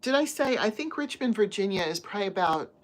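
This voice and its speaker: An American woman hosts a crochet livestream from home, chatting casually with viewers, addressing them by name and reading their comments off her phone. Her medium-pitched voice is animated and fast, friendly and chatty. It's a low-quality recording from a phone on a stand.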